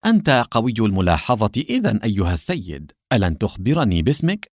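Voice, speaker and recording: A man narrating an audiobook voices a smooth, smug male collector who speaks with cold politeness. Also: on the low side, very animated, fast talker, a little mellow, no echo, clean studio sound. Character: smug, sly older male collector and official.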